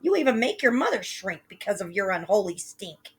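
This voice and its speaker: A woman voicing a poor, greedy mother who scolds loudly in a raised voice, a little husky. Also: big pitch swings, brisk. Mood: loud scolding. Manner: loud, shrill scolding.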